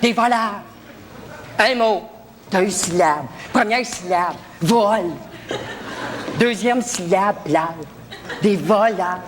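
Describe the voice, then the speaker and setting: A woman comedian with a Québécois accent doing an animated stage monologue, miming charades and making sound effects. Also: medium pitch, slow, pauses often. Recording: live show, loud crowd and room noise.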